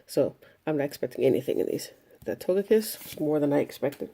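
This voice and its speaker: A woman giving casual commentary as she opens trading card packs, listing each card one by one in an unhurried way. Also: deep voice, lively intonation, mellow, breathy edge. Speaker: card collector opening packs. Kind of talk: casual pack-opening commentary.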